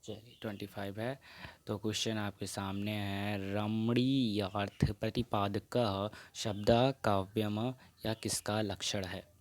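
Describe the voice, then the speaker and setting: A male teacher leads an exam practice lesson, working through quiz questions and reading each answer option aloud. His voice sits a little low, and he talks at a slow, unhurried pace. He often slips English phrases into his explanations. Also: flat delivery.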